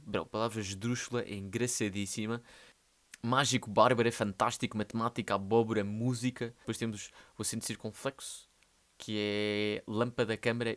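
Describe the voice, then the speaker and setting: A young man with a European Portuguese accent, hosting a solo podcast in a rambling, slangy, playful way. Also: mid-range voice. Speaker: podcast host. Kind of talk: casual solo podcast monologue.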